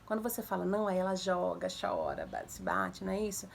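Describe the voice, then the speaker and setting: A young woman casually giving parenting advice to viewers, animated, acting out commands in a raised voice. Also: fairly low pitch, fairly quick, vocal fry. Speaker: mother sharing parenting tips.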